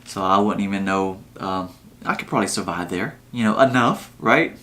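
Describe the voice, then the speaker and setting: A man hosting a casual reaction video, talking in a relaxed, rambling way with plenty of fillers. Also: sits low, normal speed. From Vietnam. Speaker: channel host.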